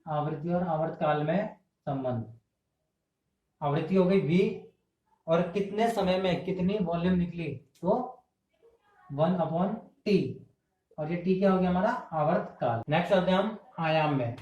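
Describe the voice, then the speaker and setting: A man leads an exam-prep lecture in an indoor room, answering his own questions and repeating key terms as a camera mic records him. His voice sits high, a little slow and slightly mellow, and the sound is lo-fi and echoey.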